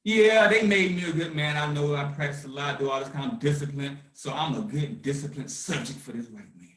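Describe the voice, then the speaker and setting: A man's voice: medium pitch, brisk, distant mic. Fiery man, roomy echo. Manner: fiery, swinging from shouting to hushed calm. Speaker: host of a conference call. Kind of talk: impassioned activist talk.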